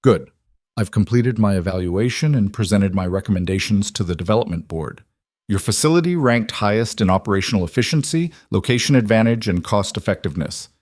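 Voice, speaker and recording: Man reading a businesswoman executive, brisk, professional, low voice, storybook, dry. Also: lively intonation, a little mellow, no room sound. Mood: businesslike.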